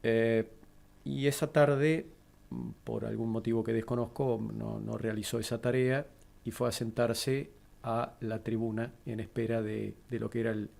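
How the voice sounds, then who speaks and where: A middle-aged man with an Argentine accent, a guest in an interview, calmly recounting a personal tragedy. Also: mid-range voice, gravelly. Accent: Argentine Spanish. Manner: measured, steady, composed.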